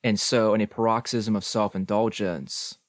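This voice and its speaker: Slow, low-voiced male audiobook reader. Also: fairly even intonation, dry recording, clean studio sound. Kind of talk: slow deliberate reading of experimental prose.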